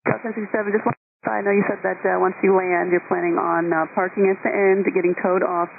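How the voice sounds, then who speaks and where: A woman's voice: medium pitch, level tone, fast talker, vocal fry, phone-quality sound. A woman working as an air traffic controller, giving composed, courteous procedural instructions over the radio.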